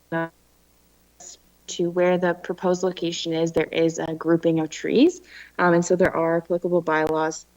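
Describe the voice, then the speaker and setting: A woman with a slightly low voice, muffled by a face mask, gives a formal staff report to a committee. She speaks in a halting, hesitant way, and the recording is dull. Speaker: planning staff presenter. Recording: dull muffled meeting audio.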